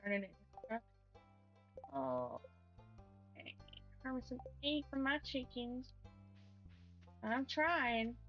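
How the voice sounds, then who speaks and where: A woman's voice: on the high side, sing-song, takes it slowly, pauses often, dull audio, faint music behind. A young woman streamer giving casual, chatty, self-deprecating commentary while she plays a game, with frequent exclamations.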